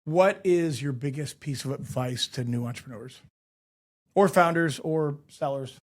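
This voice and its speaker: Chatty man hosting an interview. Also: fairly high pitch. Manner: chatty, quick with agreeing asides. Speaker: podcast host. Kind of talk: casual podcast interview.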